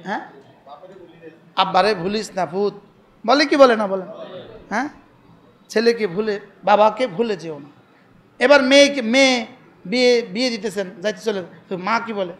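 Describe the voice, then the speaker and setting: A man's voice: high-pitched, animated, normal speed, long pauses, a bit bright. A man from Bangladesh with a Noakhali accent, preaching a sermon, telling anecdotes and getting the crowd to repeat his lines back. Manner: call-and-response, asks crowd to repeat, tells anecdotes.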